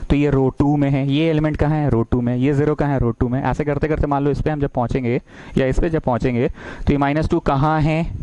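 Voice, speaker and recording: On a poor, dry recording with no room sound, a man lectures on math in a fairly high, steady voice with a dark tone, going a little fast. He keeps things playful, performs small dialogues, and fires questions at his students.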